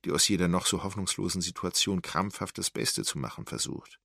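A man's voice: low-pitched, lively intonation, a little fast, gravelly, bright, forceful tone, dry recording, studio quality, heavily acted. A man voicing an anxious young woman who puts on a forced cheerful tone in a storybook reading. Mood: bitter.

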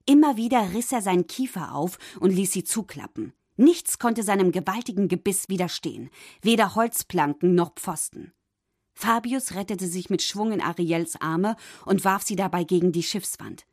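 A woman telling a children's story with lively, animated rises and falls. Her voice is slightly husky and breathy, recorded close and dry. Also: medium pitch, moderate pace, dry recording. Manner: expressive, dramatic reading. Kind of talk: storybook narration.

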